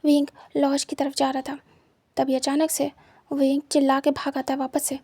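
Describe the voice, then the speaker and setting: High-voiced woman narrating a story. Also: completely flat delivery, moderate pace, warm tone, no echo.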